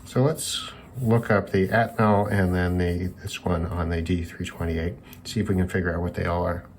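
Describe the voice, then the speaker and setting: Speaking at a moderate pace with fairly even intonation, a man with a low, darkish voice gives unscripted commentary on an electronics teardown. He's a radio hobbyist and reviewer, and he muses tentatively, thinking aloud, against some background noise.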